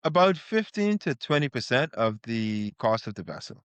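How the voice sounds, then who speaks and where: A man, answering interview questions as a guest surveyor in a measured, plain-spoken way. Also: mid-range voice, sing-song, smooth, dry recording, highs cut off. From Bahamas.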